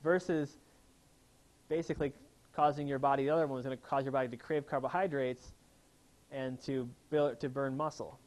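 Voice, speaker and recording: This chiropractor leads a lively health seminar before a live audience, asking them questions throughout. His voice sits in the mid range with a darkish quality, fairly even intonation, and a moderate pace.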